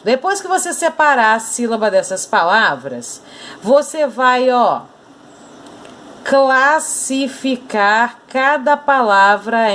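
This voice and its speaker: A woman teacher with a Brazilian Portuguese accent gives an online lesson. Her voice sits a little high, and she stresses each syllable slowly and clearly. She keeps asking the students questions as she goes.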